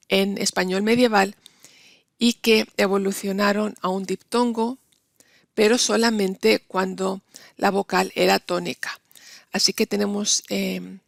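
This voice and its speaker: A woman teaching a university Spanish linguistics lecture, explaining patiently and slowing down to stress example words. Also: mid-range voice, vocal fry, no echo, studio quality.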